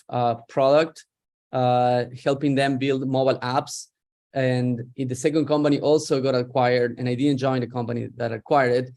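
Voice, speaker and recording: Joining an interview by video call, this Argentine startup founder speaks in a medium-pitched, slightly mellow voice. He is a middle-aged man with a reflective manner.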